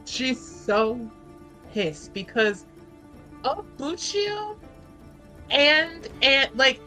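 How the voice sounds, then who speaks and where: Casually improvising, a woman narrates a character in a tabletop roleplaying game, speaking in a halting, emphatic, conversational way. Her voice sits on the high side with a sharp tone, and the recording is rough.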